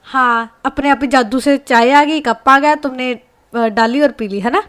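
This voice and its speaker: A bossy young woman in a spoken love story, scolding and pressing with firm questions, as a woman narrator puts her on. The voice is fairly high and close to the teller's own. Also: a little slow, fairly bright tone.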